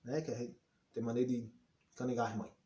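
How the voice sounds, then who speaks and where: A man teaching a lesson, asking rhetorical questions and answering them himself, sometimes acting out example lines in a higher voice. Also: level tone, fairly quick, mellow, roomy sound, dull audio. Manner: asks and answers his own questions, lots of rhetorical questions. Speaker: Portuguese teacher. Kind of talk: lively explanatory lesson.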